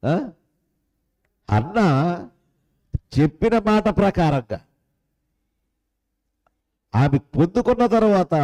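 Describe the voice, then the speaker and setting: A pastor delivers a sermon full of rhetorical questions, swinging between loud, high lines and soft, low ones. The audio quality is poor.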